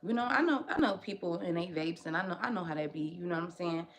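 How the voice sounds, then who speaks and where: A young woman vlogger telling a story in casual, slangy chat, animated and often addressing her viewers directly. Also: lowish voice, quick pace, a little hiss or hum.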